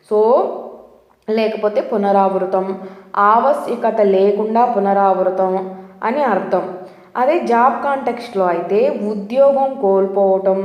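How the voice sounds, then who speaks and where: A woman with a Telugu accent teaching English vocabulary, patiently explaining words and drilling pronunciation slowly, often checking that viewers follow. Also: mid-range voice, mellow. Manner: frequent checking questions to the viewer. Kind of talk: explanatory lesson. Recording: echoey room with long reverb.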